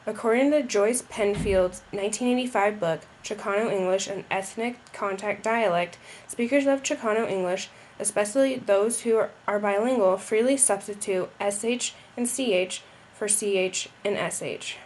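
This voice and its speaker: A woman's voice: mid-range voice, moderate pace, a little mellow, slight background noise. Young woman reading a school presentation. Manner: reading, occasional slips and restarts. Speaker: student presenter. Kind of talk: read-aloud school presentation.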